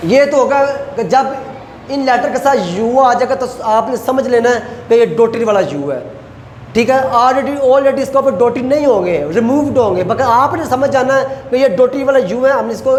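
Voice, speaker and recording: A male teacher gives a recorded classroom lecture, going over each point slowly and repeating sounds for his students. The room is echoey and the reverb lingers. A faint hum sits behind his voice. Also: very high-pitched, animated. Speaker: language teacher.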